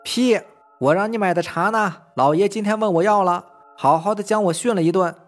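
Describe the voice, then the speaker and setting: A man's voice: sits high, a little fast, faint music behind, pitched above the performer's own voice, lightly acted. Man voicing a brash bossy servant. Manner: mocking, bossy to underlings. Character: bossy servant, fawning to master.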